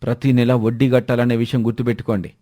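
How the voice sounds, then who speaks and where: A man's voice: medium pitch, level tone, fast, dark tone, lightly acted. A man voicing a harsh, bullying middle-aged village moneylender who scolds and makes demands.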